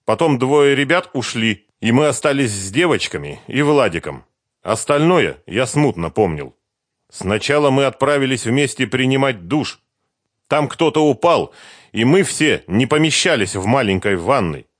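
A man voicing an agitated young man who gives a halting, defensive confession. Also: mid-range voice, animated, no room sound, clean studio sound, lightly acted. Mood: confessing.

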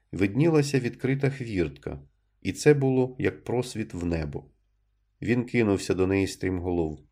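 A man narrating a literary story in an audiobook reading, with measured, even storytelling. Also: on the low side.

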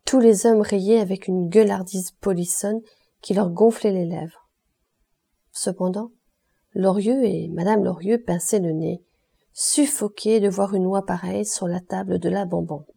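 A woman reading a classic novel aloud as an audiobook, in a steady, expressive manner. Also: medium pitch, a little slow, creaky, slightly rough. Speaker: audiobook reader.

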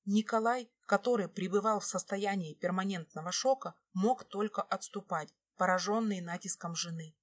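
A woman narrating a love story aloud in a steady, expressive manner. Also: medium pitch, normal speed, few pauses. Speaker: audiobook narrator. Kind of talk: scripted narration.

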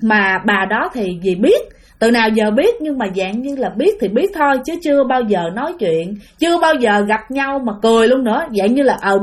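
A woman with a high voice and a Southern Vietnamese accent tells a spooky tale. She speaks in a chatty way and keeps turning to her listeners. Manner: chatty, addresses listeners directly. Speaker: storyteller. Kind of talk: spoken ghost storytelling.

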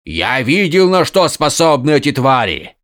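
A man's voice: fairly high pitch, expressive, drawn-out words, pushed and bright, clear, resonant tone, no echo, studio quality, full character voice. A man voicing a stern aging warlord who addresses his troops in a commanding, declamatory way. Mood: rousing.

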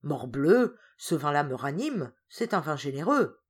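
A woman voicing a jovial, hearty, wine-loving man who talks in loud, boisterous exclamations. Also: sits low, big pitch swings, measured pace, slightly rough, full character voice.

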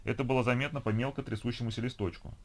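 A man reading an audiobook in an even, measured narration. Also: medium pitch. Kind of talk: scripted narration.

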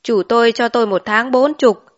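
A woman voicing a young man back from the city, a chauffeur, in an audiobook, relaxed and plain-spoken. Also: on the high side, moderate pace, natural voice. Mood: boastful. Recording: dull lo-fi recording.

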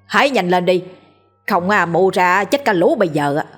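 A woman's voice: lowish voice, normal speed, a little mellow, soft background music, natural voice. A woman voicing a crude, bossy old male thief who scolds his companions in a storybook tale. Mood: scolding. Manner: gruff scolding.

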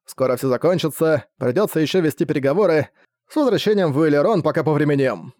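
A man's voice: fairly high pitch, lively intonation, quick pace, darkish tone, no room sound, clean studio sound, lightly acted. A man voicing a cunning, flippant young prince who speaks in an offhand, wry way, in an audiobook.

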